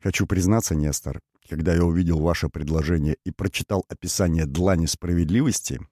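A man's voice: sits low, brisk, dark tone, no echo, clean studio sound. A man voicing a cheerful, candid male baron in an audiobook, who speaks in a friendly way.

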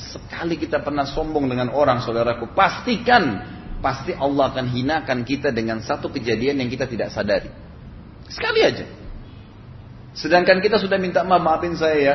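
A man's voice: a little high, a little hiss or hum. A man preaching a sermon that tells a story, acting out the quoted dialogue with a rising and dropping voice. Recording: echoey hall, dull lo-fi sound.

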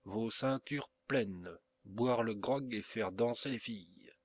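A man reading an audiobook, voicing a hot-tempered male pirate captain who barks orders in a loud, gruff, commanding way. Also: lowish voice, a little slow.

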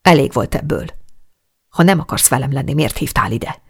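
A reader voicing a jilted man in love who speaks with irritation and reproach, in a gravelly, husky tone. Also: mid-range voice, lively intonation, full character voice. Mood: reproachful. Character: angry, jilted man lover. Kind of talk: audiobook dialogue.

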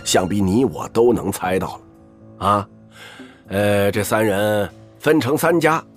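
An actor playing a wry, middle-aged assassin uncle in an audio drama, talking like a storyteller with lots of interjections. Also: male voice, on the low side, a little slow, faint music behind, lightly acted. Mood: storytelling. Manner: drawling, storyteller-like, peppered with interjections. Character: wry, theatrical older male assassin uncle, Su Zhe. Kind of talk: audio drama character acting.

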